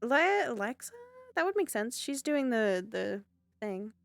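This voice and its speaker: A woman's voice: on the high side, sing-song, unhurried, creaky. A woman with a Southern accent, chatting casually and playfully, giggling often. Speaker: streamer. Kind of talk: casual out-of-character chat.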